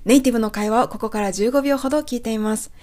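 High-voiced woman hosting an English lesson. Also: fast talker, darkish tone. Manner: patient, careful step-by-step explaining. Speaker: English teacher and host. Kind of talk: English-lesson radio show.

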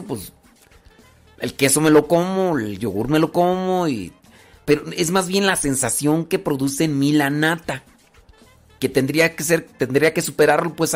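A man with a Mexican Spanish accent speaks in a relaxed, chatty way about not judging others, acting out short everyday scenes as he goes. His voice sits somewhat high for a man, with faint music playing softly behind him. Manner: conversational, acts out little scenes, frequent fillers. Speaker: speaker giving a moral talk. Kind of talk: casual moral talk.

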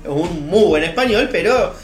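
A man's voice: high voice, expressive, unhurried. A man with a Rioplatense accent co-hosting a casual comedic chat, playful and teasing as he tosses in trivia. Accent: Rioplatense Spanish. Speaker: co-host. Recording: roomy, faint music behind.

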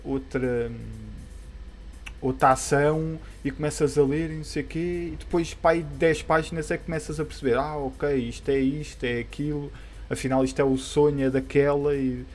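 Mellow European Portuguese man, rambling casually. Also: a little high, steady tone, moderate pace. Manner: hesitant, rambling, colloquial. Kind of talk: casual chat about comic books. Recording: background music under the voice.

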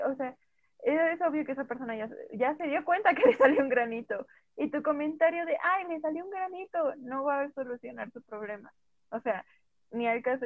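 A woman's voice: high voice, no room sound. A woman chatting casually, acting out quoted remarks as she talks. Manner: talkative, acts out quoted remarks. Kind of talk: casual chat. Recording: tinny phone line, dry.

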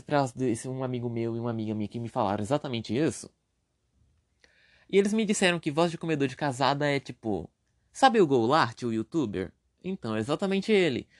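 Rambling young Brazilian podcast host. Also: male voice, mid-range voice. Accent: Brazilian Portuguese. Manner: rambling, self-deprecating, jokey asides. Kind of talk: casual solo podcast monologue.

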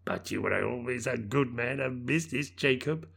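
A man voicing a fearful, humbled old miser with a low, faltering voice. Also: animated, normal speed, vocal fry, fairly bright tone, slightly rough, heavily acted.

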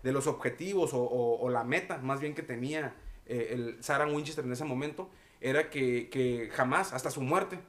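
A man's voice: mid-range voice, moderate pace, fairly bright tone. A man with a Mexican Spanish accent co-hosting a casual podcast, explaining a point with lots of restarts and hesitations. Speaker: podcast co-host.

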